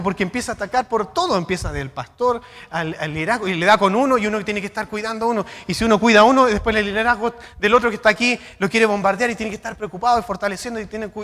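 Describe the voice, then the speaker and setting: Male pastor, high voice, sermon in a reverberant church hall, rhetorical questions. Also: fast talker. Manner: rhetorical questions, shifting between loud and quiet.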